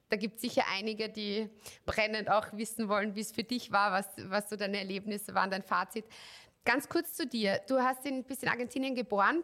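A woman's voice: fairly high pitch, fairly bright tone. A woman hosting an interview podcast, friendly and chatty, asking long winding questions. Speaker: podcast host.

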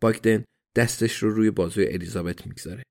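A man narrating an audiobook in a steady, even storytelling manner. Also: fairly low pitch.

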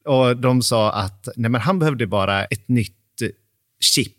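A man's voice: mid-range voice, a bit bright, dry recording. Chatty man laughing on a dry mic. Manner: chatty, laughs often mid-sentence. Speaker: podcast host. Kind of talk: casual chat. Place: at home.

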